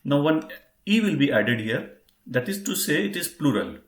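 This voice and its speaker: Very animated and fairly high-pitched, this German language teacher speaks at normal speed in his online class, where the room echoes. He patiently repeats and spells words, greeting his students as "friends."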